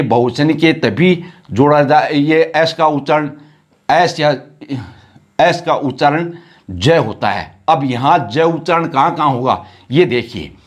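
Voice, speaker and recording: A man teaching a grammar lesson, repeating words and sounds one by one. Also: medium pitch.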